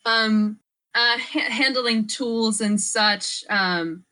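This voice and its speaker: A woman taking part in a tabletop role-play, speaking in character. She talks slowly and playfully, stretching her words. Her voice sits a little high and has a bright, forceful edge. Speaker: guest player.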